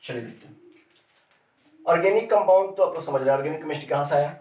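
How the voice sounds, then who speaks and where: He's a chemistry teacher with a highish, darkish voice who talks fast, repeats key vocabulary, and keeps questioning his class. The microphone is far away in a room with noticeable echo.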